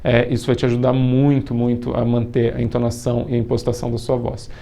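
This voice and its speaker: A man's voice: medium pitch, monotone, fast talker, gravelly, mellow. A young man with a Brazilian Portuguese accent, teaching a video course and explaining step by step in a casual way. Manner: talks it through step by step, with restarts.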